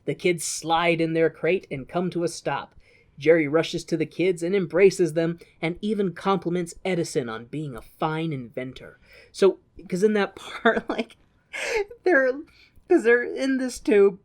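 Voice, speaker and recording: Here a podcast co-host gives a casual, funny film recap, some of it read from notes, sprinkled with wry, playful remarks. She speaks on the low side, animated but unhurried.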